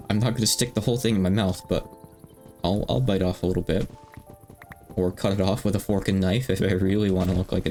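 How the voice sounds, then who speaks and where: A man in his thirties chats casually on a livestream in a low, slightly mellow voice. He rambles, pokes fun at himself, and uses lots of fillers.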